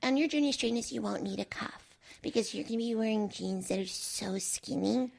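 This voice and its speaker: A woman's voice: fairly high pitch, fairly quick, creaky, darkish tone. Woman playing a perky, zealous femininity coach. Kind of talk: improvised comedy character.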